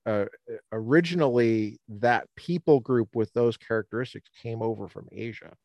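A man's voice: mid-range voice, no room sound. Rambling man talking outdoors in the cold. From Colorado. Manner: rambling, halting, with frequent restarts and laughs. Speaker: podcast co-host. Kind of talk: casual chat. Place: outdoors by the ocean near a bridge, cold.

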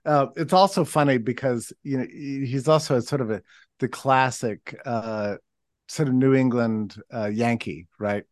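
A man's voice: mid-range voice, moderate pace, dry recording, studio quality. A man from Texas talking as a podcast guest, rambling with restarts and telling stories animatedly. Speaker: guest commentator. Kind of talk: casual conversational analysis.

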